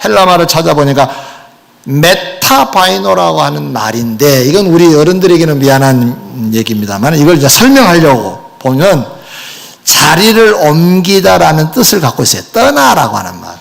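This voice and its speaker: A man preaching a sermon as pastor, animated and addressing the congregation with rhetorical questions. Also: on the high side, moderate pace, creaky.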